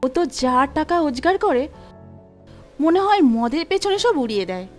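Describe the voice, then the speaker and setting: A woman's voice: sits high, sing-song, moderate pace, faint music behind. A woman playing a gossiping, disapproving neighbour in a short film drama. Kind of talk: melodramatic short film acting.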